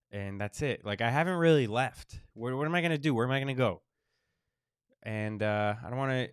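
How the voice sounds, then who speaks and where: A man hosting a casual podcast monologue, wheezy and short of breath while recovering from illness, halting with pauses and repeated phrases. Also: medium pitch, fairly bright tone, dry recording, studio quality. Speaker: podcast host.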